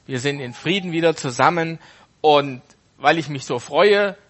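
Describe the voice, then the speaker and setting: A man's voice: fairly high pitch, normal speed, a bit bright. A man quoting a friendly, grateful male host in a parable he is retelling. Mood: glad.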